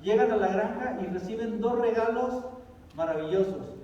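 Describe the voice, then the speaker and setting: A man's voice: high-pitched, moderate pace, dark tone, a little hiss or hum. A man tells a story from the pulpit in a conversational way. He often asks the audience questions. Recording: echoey hall from far off, dull sound.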